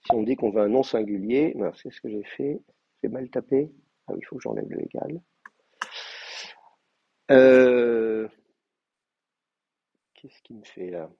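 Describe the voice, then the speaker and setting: A man's voice: medium pitch, measured pace, creaky, pauses often, husky, dry recording, dull audio. A man with a French accent giving a university lecture on biblical Hebrew, hesitant with many fillers and restarts. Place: classroom, also streamed to remote students.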